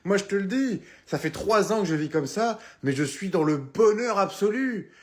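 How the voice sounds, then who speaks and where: A man's voice: sits high, lively intonation, moderate pace, pitched above the performer's own voice. A man playing a preachy, laid-back stoner in a comedy sketch, drawling and slangy.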